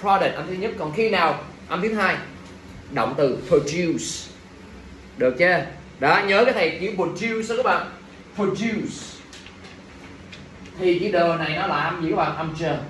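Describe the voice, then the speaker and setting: A man's voice: high voice, fairly quick. A male teacher, running an exam review class and quizzing students with jokes. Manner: lively, jokes with students, asks the class questions. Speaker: English teacher. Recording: echoey room, faint ambient noise.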